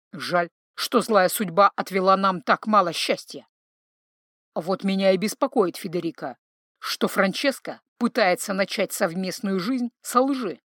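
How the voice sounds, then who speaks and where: Woman reader as conniving fake veteran, low mock-sorrowful sighs, dry read. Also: dry recording. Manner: sighing, mock-tragic, sanctimonious. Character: scheming sly middle-aged man, posing as veteran.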